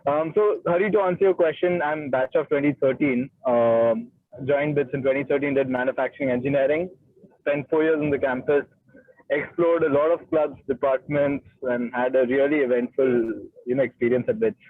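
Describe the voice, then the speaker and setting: A man's voice: mid-range voice, steady tone, normal speed, dry recording. A man in his late twenties from Gujarat with an educated Indian English accent, talking conversationally about himself in an interview and often tagging statements with "right?". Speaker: guest, startup founder. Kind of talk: conversational personal account in an online interview. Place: online call from a moving car. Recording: thin, muffled radio-like call audio.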